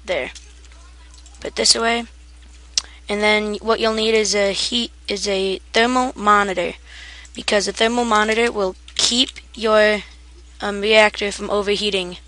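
A woman's voice: medium pitch, fairly even intonation, unhurried, pushed and bright. A woman giving a casual, rambling game tutorial, half asleep and self-deprecating, with keyboard typing behind her. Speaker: gaming tutorial maker.

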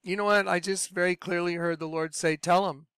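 A man's voice: high voice, fairly even intonation, a little fast, a bit bright, clean tone, no room sound. A man earnestly telling his personal story as a religious testimony, often acting out what people said. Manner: earnest, acts out quoted dialogue.

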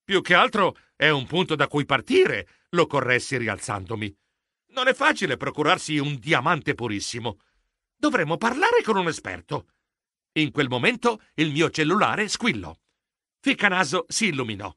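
A man giving animated, expressive narration of a children's audiobook, voicing a flustered mouse hero. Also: on the high side, moderate pace, no echo, clean studio sound. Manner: expressive, excitable.

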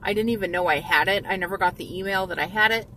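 In her thirties, a woman vlogger rambles casually to her phone camera from a parked car with the windows closed, full of ums and restarts. Her mid-range voice is bright and forceful at a quick pace, picked up by a phone held at arm's length, so it sounds distant. Faint radio music and slight background noise sit behind the poor audio.

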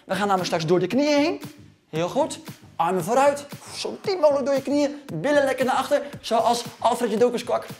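A man in his thirties, a kids' fitness coach, leads a children's home workout from a gym, his very high voice animated and brisk over soft background music. He cheers the kids on and counts down reps while exercising himself, a little out of breath.

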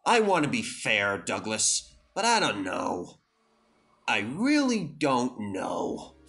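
A man's voice: mid-range voice, huge pitch swings, takes it slowly, vocal fry, fairly bright tone, heavily acted. A man playing a stern, pompous railway boss with a dry, disapproving manner in a children's story. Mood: dry, doubtful.

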